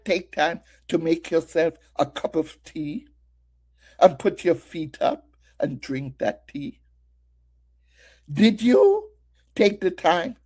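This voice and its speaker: Slow, husky-voiced woman preaching. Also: deep voice, dark tone. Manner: preaching with many rhetorical questions, testimonial. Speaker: women's ministry speaker. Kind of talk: Mother's Day sermon.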